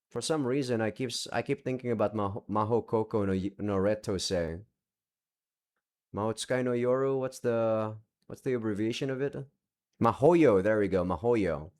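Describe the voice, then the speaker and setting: Browsing his game library in a room at home filled with several monitors, a young visual novel let's play creator chats loosely with his viewers, rambling, interrupting himself and swearing mildly. His voice is medium-pitched and a little mellow, and Japanese is not his first language.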